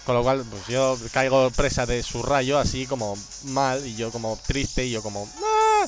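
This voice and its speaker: A man giving casual, joking commentary on a game, excitable and prone to sudden shouts. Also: mid-range voice, normal speed, music in the background. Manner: excitable, joking, bursts into shouts and silly voices. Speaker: gameplay commentator.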